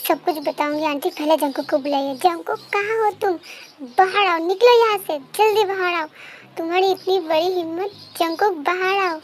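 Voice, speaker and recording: A woman voicing a fiercely loyal young woman in a fan-dubbed story, loud, accusing and demanding. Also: very high-pitched, fairly quick, hardly any pauses, slight background noise. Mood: furious. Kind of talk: fan dub story voice acting. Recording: faint background music.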